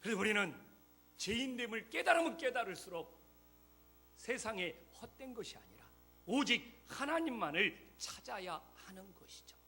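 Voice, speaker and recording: Emphatic, high-pitched man preaching a sermon. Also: very animated, moderate pace, pushed and bright, husky. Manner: emphatic preaching with rhetorical questions; jokes lightly with the congregation. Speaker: pastor. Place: church sanctuary.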